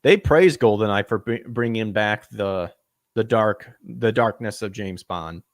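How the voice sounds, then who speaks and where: A man's voice: fairly low pitch, a little slow, no room sound, studio quality. A man hosting a podcast, reading news and mocking it with sarcastic asides, laughing at his own jokes and stumbling over words. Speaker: podcast host. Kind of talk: casual commentary reading news aloud.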